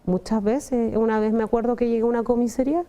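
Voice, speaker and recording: A woman's voice: fairly high pitch, fairly even intonation, fast talker, warm tone. A young adult woman, giving an earnest personal testimony and often addressing the pastor. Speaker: testimony guest.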